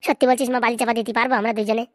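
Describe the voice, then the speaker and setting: A woman's voice: on the high side, flat delivery, racing, no room sound, clean studio sound, lightly acted. A woman voicing a quarrelsome middle-aged housewife in a Bengali cartoon, with a Bengali accent and a coarse, scolding way of talking. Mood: scheming.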